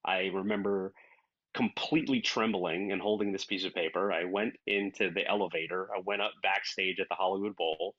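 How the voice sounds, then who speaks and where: A man's voice: low-pitched, fairly quick, no room sound. A man, a voice actor, telling stories in an interview and acting out the quoted lines, heard over dull, dry call audio. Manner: animated, acts out quoted dialogue. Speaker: voice actor guest. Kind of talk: casual interview storytelling. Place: based in Los Angeles.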